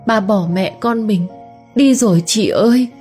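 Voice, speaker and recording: A woman's voice: medium pitch, normal speed, darkish tone, faint music behind, close to an everyday voice. A woman voicing a frightened young woman who pleads through tears to her older sister. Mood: tearful. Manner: tearful, pleading.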